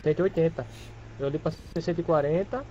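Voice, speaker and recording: A man plays a security guard in a game roleplay, talking in a relaxed way. His voice sits a bit high. The audio is dull, with a crowd of voices behind. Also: fast talker. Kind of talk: casual in-character game roleplay chat.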